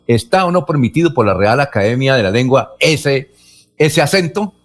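A man's voice: mid-range voice, expressive, normal speed. A male radio host reads listener questions aloud to a guest professor and announces the time between them.

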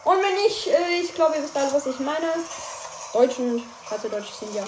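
A gaming streamer with a high voice narrates her own play, getting excited and shouting at every goal or miss while making chatty asides to her listeners. Her voice echoes around the room, over a clear layer of background noise.

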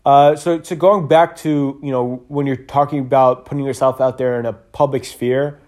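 A man hosts a casual solo podcast monologue in a mid-range, slightly mellow voice, steady in tone and at normal speed. He's earnest and rambling, full of fillers and restarts, tired and yawning.

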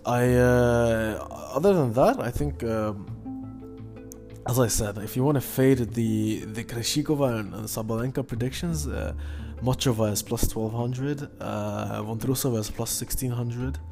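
A man hosting a casual solo sports betting podcast in halting, hesitant speech, often stopping and repeating himself. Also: on the low side, gravelly. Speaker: podcast host.

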